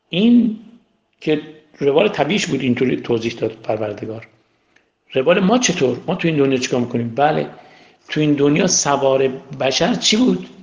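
Man, religious class teacher, gravelly voice, rhetorical questions, repetitive emphasis, roomy echo. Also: medium pitch. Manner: asks rhetorical questions and repeats key words.

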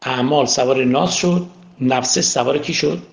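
A man's voice: mid-range voice, gravelly. A man teaching a spiritual class in a lecture style, asking rhetorical questions and repeating key words for emphasis. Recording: roomy echo.

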